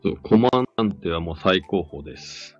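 A man's voice: sits low, lively intonation, fairly quick. A man hosting a casual live radio chat, speaking politely and chattily. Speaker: radio host. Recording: dull lo-fi audio, faint music behind. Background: faint music.

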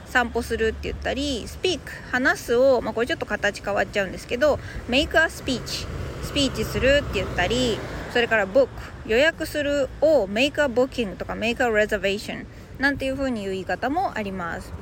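A slightly high-voiced woman, a native Japanese speaker, leads an English phrase lesson podcast, addressing listeners directly with conversational explanations. She sounds expressive at a normal speed, and there's a faint hiss or hum.

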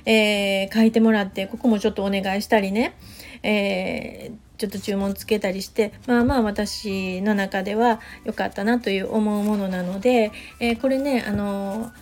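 A woman's voice: medium pitch, steady tone, moderate pace, a little mellow. A middle-aged woman, a counselor talking in a casual podcast monologue that rambles along with plenty of fillers. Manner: rambling, full of fillers, chatty asides.

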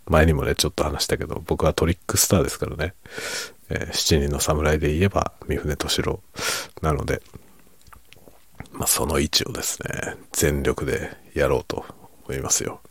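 A middle-aged man in a quiet, rambling, self-deprecating late-night monologue meant for falling asleep, in a hushed voice that often drops toward a whisper. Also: very deep voice, flat delivery, moderate pace, breathy edge, no room sound. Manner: self-deprecating, rambling, chuckling under his breath. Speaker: fiction writer chatting to listeners.

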